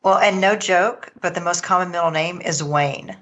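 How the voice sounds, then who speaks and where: A woman's voice: lowish voice, normal speed, fairly bright tone. A woman co-hosting a podcast, chatting casually with informal, hesitant phrasing. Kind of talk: casual group chat.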